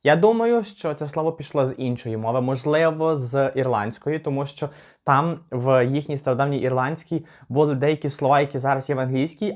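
Chatty man teaching English pronunciation. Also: mid-range voice. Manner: chatty, slows down to spell out words. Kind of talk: casual pronunciation lesson.

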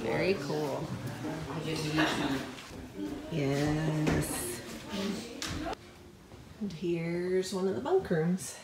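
A woman's voice: low voice, drawn-out words, pauses often, a loud crowd. A woman in her thirties vlogging a mountain hike, talking to a phone held at arm's length, chatty and upbeat with wry asides. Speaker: thru-hiker vlogger. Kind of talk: casual vlog narration. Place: outdoors on a windy mountain trail and summit. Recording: loud wind noise on the phone mic.

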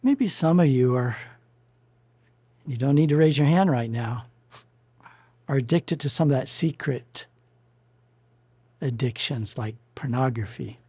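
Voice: medium pitch, unhurried, pauses often, mellow, husky, no room sound. A pastor giving a candid, conversational devotional message and chuckling at their own failings.

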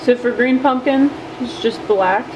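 A woman with a fairly high voice talks a little slowly while showing how she makes soft plastic fishing baits at her home bench. It's a casual hands-on tutorial, upbeat and chatty with many fillers, over a noticeable air-conditioning hum.

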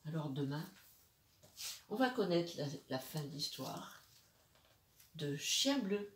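A woman storyteller reading a bedtime story aloud to children, slow and expressive, with asides to her young listeners. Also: on the low side. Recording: roomy, distant from the mic.

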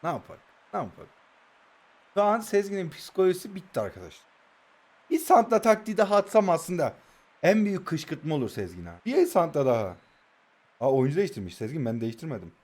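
A man, giving playful, taunting commentary over a mobile football game and bursting into excited play-by-play. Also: fairly high pitch, quick pace. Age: 20s. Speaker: mobile football gaming YouTuber. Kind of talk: live gameplay commentary, teasing opponent.

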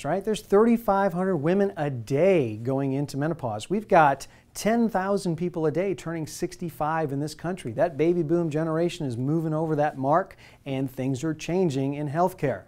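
A man's voice: fairly high pitch, a little mellow. Upbeat man presenting to camera. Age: 40s. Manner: upbeat, persuasive, asks the viewer direct questions. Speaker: hormone therapy presenter. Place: studio with plain light backdrop. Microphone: lapel mic.

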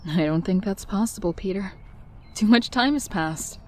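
Voicing Mary Jane for a comic dub, a woman speaks at a moderate pace in a medium-pitched, animated, lightly acted voice. The character, fiery yet guarded, confides her story with heartfelt candor through narration and dialogue.

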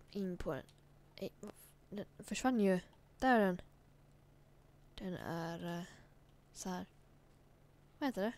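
A woman's voice: medium pitch, darkish tone. A woman giving casual, chatty gameplay commentary, giggling and coaxing the character she controls. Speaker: let's play host.

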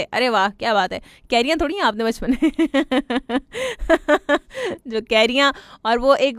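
A woman hosts a live radio show, reading listener messages with warm greetings, giggles and English phrases mixed in. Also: fairly high pitch, smooth, no echo, clean studio sound. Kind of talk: casual live radio chat.

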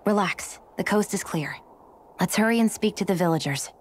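Shionne, a woman voicing a blunt, sharp-tongued young woman. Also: mid-range voice, moderate pace, slight background noise, natural voice. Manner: blunt, dry. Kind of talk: video game voice acting.

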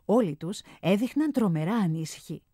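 Brief: female storybook narrator, clear expressive delivery, dry booth sound. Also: mid-range voice, no room sound.

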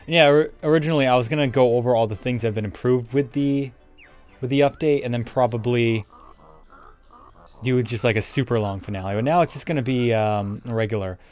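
A man's voice: mid-range voice, a little mellow. A young man giving casual, rambling let's play commentary with frequent swearing, as a gaming YouTuber. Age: young adult. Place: indoor room with webcam setup. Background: game music.

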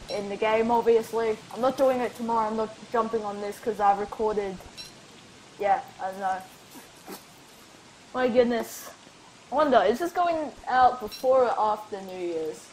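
A woman's voice: mid-range voice, darkish tone, slight background noise, low-quality recording. Rambling woman narrating her gameplay. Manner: rambling, chatty, talks to herself and the game. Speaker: gaming channel host. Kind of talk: casual let's-play commentary.

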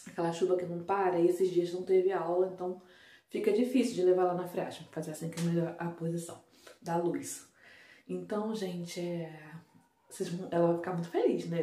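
A Brazilian woman talking softly and quietly to viewers in a casual home vlog, filmed on a phone indoors. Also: fairly low pitch, steady tone, fairly quick. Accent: Brazilian Portuguese. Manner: speaking softly and hushed, chatty asides to viewers. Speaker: home vlogger. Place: indoors at home, bedroom and bathroom.

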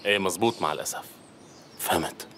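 A fed-up, weary man in a dubbed drama. His voice is lowish and very fast, over faint ambient noise. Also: sharp tone. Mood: weary, irritated.

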